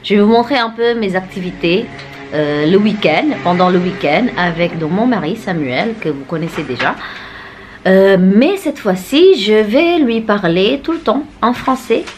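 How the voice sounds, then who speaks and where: A woman's voice: medium pitch, expressive, normal speed. A woman with a Sundanese-Indonesian accent, narrating a casual vlog outdoors in a city, hesitant and playful, with many fillers. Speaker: vlogger. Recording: music playing under the voice.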